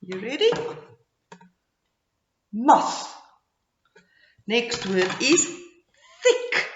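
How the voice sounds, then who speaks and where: A woman teaching phonics to young children, modeling sounds and words in slow, exaggerated speech with repetition and simple instructions. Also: on the high side, sing-song, a little hiss or hum. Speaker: early-grade phonics teacher. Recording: dull, echoey room sound.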